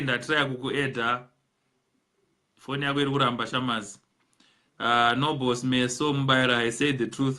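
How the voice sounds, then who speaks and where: A Zimbabwean-accented man with a sharp, mid-range voice hosts a live call-in show, reading viewer comments and their names aloud while switching between English and Shona.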